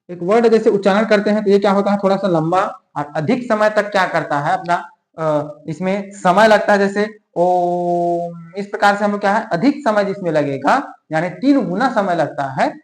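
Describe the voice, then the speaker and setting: A man teaching an exam-prep grammar lesson, stretching key terms out word by word and checking in with the class constantly. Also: high-pitched. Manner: drawls key terms slowly word by word, adds frequent check-ins. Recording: echoey room.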